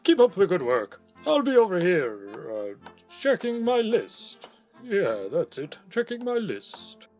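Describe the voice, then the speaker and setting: An actor playing a naive, avuncular old Santa Claus in an audio drama, wondering and a little doddering. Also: male voice, high-pitched, wildly swooping pitch, slow, over music, exaggerated voice. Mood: jolly.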